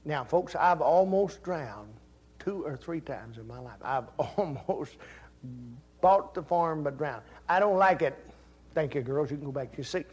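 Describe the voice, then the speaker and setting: An older man preaching a sermon, telling folksy family stories and rising to loud, fervent Scripture reading. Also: fairly high pitch, expressive, a little slow, husky. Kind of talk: sermon with personal story.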